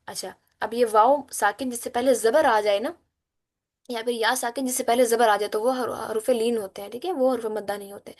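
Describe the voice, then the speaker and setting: A woman teaching an online Quran recitation class, explaining letter sounds patiently and chanting verses in a slow, melodic way. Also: on the high side, fairly even intonation. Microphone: computer mic on a video call.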